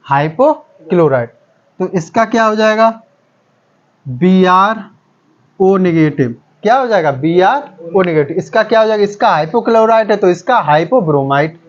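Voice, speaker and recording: Brief: male chemistry teacher, high voice, call-and-response drilling, dull lo-fi sound. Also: animated, normal speed. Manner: repeats each term back as a quiz question. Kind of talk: classroom lecture with call-and-response questions.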